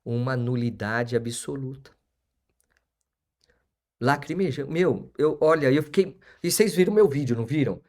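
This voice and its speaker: A man's voice: mid-range voice, moderate pace, pauses often, a little mellow. A man, hosting a live stream as an auctioneer and lawyer, repeating his phrases for emphasis and chatting with viewers.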